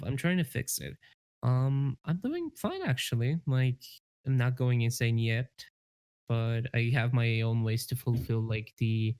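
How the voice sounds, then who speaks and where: A man's voice: medium pitch, warm tone, smooth, no room sound. A man co-hosting a podcast in casual chat, rambling with fillers and laughing often. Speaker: podcast co-host.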